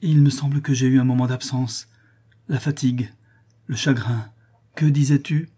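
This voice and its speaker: A man's voice: medium pitch, fairly even intonation, moderate pace, dark tone, slightly rough, pitched above the performer's own voice, close to an everyday voice. A man voicing a desperate, furious old craftsman father crying out in despair in a storybook reading. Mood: dazed.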